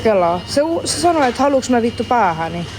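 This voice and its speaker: A woman's voice: a little high, sing-song. A woman live-streaming, talking to her chat in a heated, profane way and arguing back at them. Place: outdoors in a public place.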